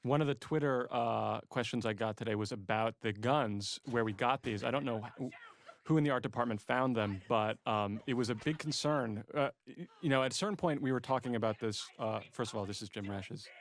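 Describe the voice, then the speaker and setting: A man's voice: medium pitch, fairly quick, creaky. A man, a producer and writer, explaining story choices in a DVD commentary.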